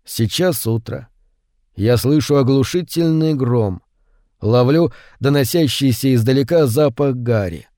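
Male audiobook narrator, mid-pitched, hushed and unhurried, dead-dry studio read. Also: no echo. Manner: slow, hushed and brooding, with louder acted quotes. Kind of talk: scripted narration of a short story.

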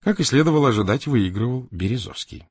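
A male audiobook narrator with a husky, breathy grain at medium pitch. His reading is animated and swings widely in pitch. The close mic leaves the voice bone-dry. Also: fast, no echo.

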